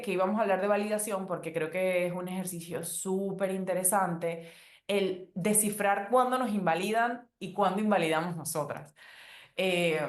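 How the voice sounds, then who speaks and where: A woman hosting a casual advice podcast, talking gently and conversationally with frequent fillers. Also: on the low side. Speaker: podcast host. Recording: roomy echo.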